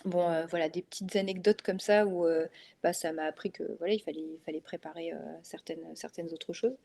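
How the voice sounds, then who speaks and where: Her lowish voice is gravelly yet mellow, steady in tone and fairly quick. She's a mother of three in her thirties with a northern French accent, chatting casually as an interview guest and hesitating often, full of fillers and restarts.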